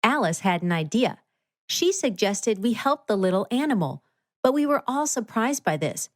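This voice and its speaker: A woman narrating a scripted children's story in an expressive read-aloud manner. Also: mid-range voice, normal speed, dry recording, studio quality.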